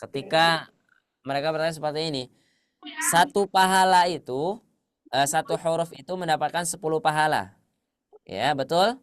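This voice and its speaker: A man teaching a tajwid class, quizzing his students and confirming their answers, at times chanting Arabic verses slowly. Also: a little high, clean tone, dry recording. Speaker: Quran recitation teacher.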